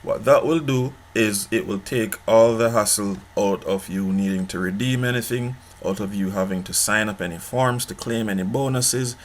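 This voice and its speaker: A man with a somewhat low voice hosts an informal review of a money-making app. He speaks casually, circles back to the same points, and keeps asking the viewer "okay?" as he goes. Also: a bit bright. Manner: pitchy, repeats himself, asks "okay?" often. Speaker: online money-making channel host.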